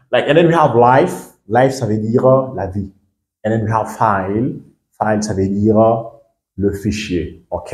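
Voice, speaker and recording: Low-voiced man teaching patiently. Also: a little mellow. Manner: patient, explains step by step, checks in often. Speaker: English teacher. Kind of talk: language lesson. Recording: echoey room.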